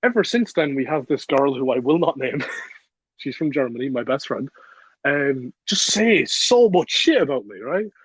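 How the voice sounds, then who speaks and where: A man's voice: mid-range voice, very animated, normal speed, slightly rough, no room sound. A young man in his late teens, a podcast guest telling a story casually, blunt and profane, laughing as he talks. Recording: dull lo-fi, dry recording.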